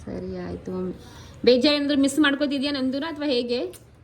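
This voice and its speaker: High-voiced chatty young woman vlogger. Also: lively intonation, a little fast, slight background noise. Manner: chatty, mixes English words in; teasing, coaxing with relatives. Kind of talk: casual vlog chat.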